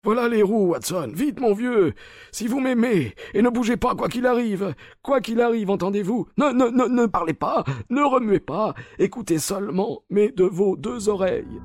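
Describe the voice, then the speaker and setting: A man's voice: medium pitch, animated, unhurried, a little mellow, dry recording, studio quality, lightly acted. Sherlock Holmes, a man playing a feverish detective. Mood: commanding. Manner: weak voice, commanding when roused. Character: feverish ailing male detective, cunning.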